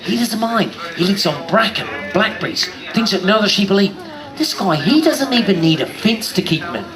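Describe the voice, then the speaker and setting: A middle-aged man with a fairly high voice works a live crowd at a stage show, cracking jokes and calling out to the kids. Music plays behind him while he talks. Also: sing-song, brisk. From New Zealand. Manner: jokey showman, addresses kids and audience. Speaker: sheep show presenter.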